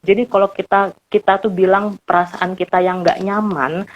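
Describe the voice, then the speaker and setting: A man's voice: high-pitched, little pitch movement, moderate pace, muffled recording, slight background noise. A man, a guest expert on a live stream, explaining family communication in a chatty way with many fillers and little laughs, over a phone or video call. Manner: chatty, many fillers and small laughs, acts out quoted speech.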